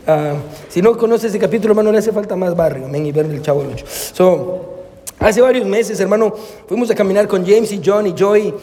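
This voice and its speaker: A man's voice: high voice, a little fast, warm tone. A male pastor preaching a sermon, peppering his lines with amén and hermano and slipping into English phrases, with hesitant, storytelling restarts. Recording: long hall reverb.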